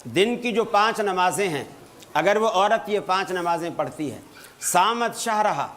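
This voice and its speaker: A man giving a religious talk to an audience, telling stories with light humor and reciting Arabic phrases slowly. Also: sits high, expressive, a bit bright. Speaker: Islamic preacher.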